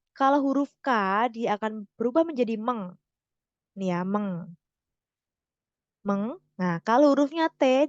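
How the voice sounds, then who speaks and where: A young woman tutoring online in a casual way, correcting herself and slowly stressing example words. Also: fairly high pitch, darkish tone, dry recording, muffled recording. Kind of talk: explaining grammar lesson.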